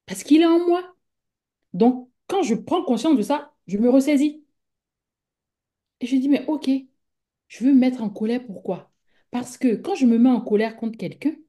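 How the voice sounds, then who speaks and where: Mellow-voiced woman from Africa, rambling. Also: a little high. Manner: rambling, full of fillers and repetitions; acts out her own inner thoughts as quotes. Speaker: guest speaker. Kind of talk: conversational talk.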